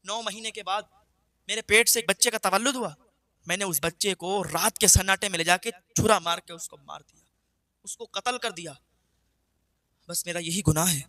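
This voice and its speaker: A man preaching who voices a repentant woman, speaking softly and pleading. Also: high-pitched, pauses often, no echo. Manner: soft, subdued, pleading.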